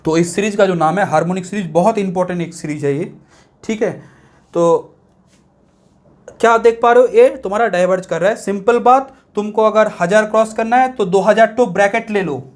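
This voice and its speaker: A man with a notably high voice gives a math lecture to students. He explains step by step and keeps checking whether they are following along. When he reads English passages from a textbook, he slows right down and reads them word by word. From India. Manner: explains step by step, checks understanding with repeated questions; reads English text from a book very slowly and word by word. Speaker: math teacher. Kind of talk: classroom lecture.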